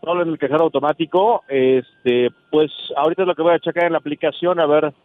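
A man's voice: on the high side, fairly even intonation, fast, faint music behind. Mexican man in dull lo-fi audio. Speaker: guest on a live call-in show. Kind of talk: casual conversation.

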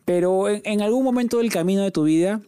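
A man's voice: high voice, quick pace, dark tone, clear, resonant tone, dry recording. A man from South America hosting a casual podcast chat, joking and self-deprecating. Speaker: podcast host.

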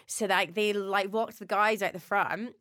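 A woman, chatting casually as a guest and telling animated stories full of "like". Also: medium pitch, a little slow, no room sound, clean studio sound. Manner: chatty, animated storyteller with many "like"s. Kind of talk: casual chat.

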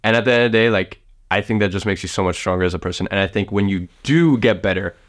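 A late-teen vlogger from southern Russia rambles through casual motivational advice to the camera, swearing often and leaning heavily on fillers. His voice is fairly low, and he talks at a quick pace.

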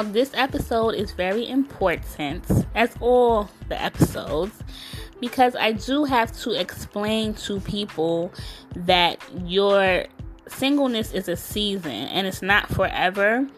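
A woman's voice: mid-range voice, lively intonation, unhurried, faint music behind. Emphatic woman hosting a solo podcast. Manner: emphatic, direct, peppered with "you know". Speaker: podcast host and self-love coach. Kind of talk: casual solo podcast monologue.

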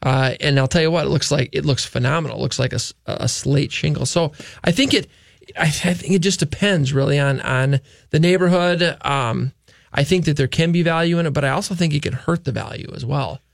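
A gravelly-voiced man hosts a live call-in radio show, his pitch sitting a little high for a man. He talks fast, stumbling into restarts and fillers. The studio sound is close and dry. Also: no echo.

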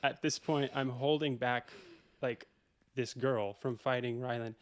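A young man, a podcast guest, telling a story in casual chat, animated and laughing often. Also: medium pitch, a little slow, dry recording, studio quality.

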